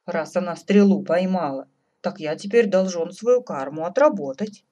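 A woman voicing a stubborn, earnest young tsarevich who calmly defends his promise. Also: lowish voice, moderate pace. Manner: steady, stubborn.

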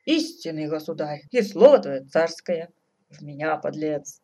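A woman voicing a gruff, grumbling old tsar who blusters at his stubborn son. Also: low voice, expressive, a little slow, dark tone, heavily acted.

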